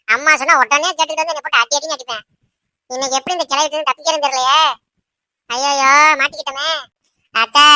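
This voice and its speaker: A woman's voice: high voice, pushed and bright, no echo. A woman voicing a put-upon young daughter-in-law in a cartoon, pleading and grumbling under her breath. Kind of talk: cartoon voice acting.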